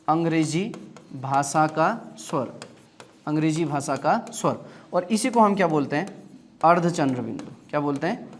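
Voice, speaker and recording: A man's voice: high-pitched, a little hiss or hum. A man teaching a grammar lesson, asking questions and answering them himself, repeating key terms and checking that students follow. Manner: drills by asking and answering his own questions. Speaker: Hindi teacher.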